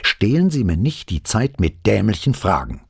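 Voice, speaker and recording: A man's voice: fairly low pitch, very animated, moderate pace, dark tone, no echo, clean studio sound, pitched above the performer's own voice. A man reading a stern police inspector. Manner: probing, stern. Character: stern middle-aged male police inspector.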